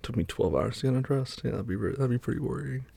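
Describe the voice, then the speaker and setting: A man speaks in a low, intimate murmur that often drops to a whisper. His voice is very husky and breathy, with gravelly fry and a warm, mellow tone. He sounds soft and soothing, close to the microphone. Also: fast, no room sound. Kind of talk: whispered boyfriend roleplay ASMR.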